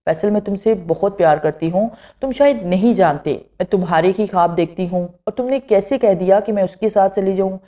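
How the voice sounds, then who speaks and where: A woman's voice: medium pitch, hardly any pauses, warm tone, lightly acted. A woman reading the lines of an affectionate, playful young woman in love, in a storybook reading. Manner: affectionate, teasing.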